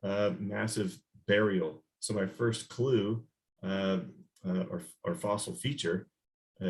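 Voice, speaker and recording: Male guest scientist, slide talk over a video call mic; hesitant delivery, frequent ums and restarts. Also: fairly low pitch. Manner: halting, many fillers and restarts. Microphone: video call microphone.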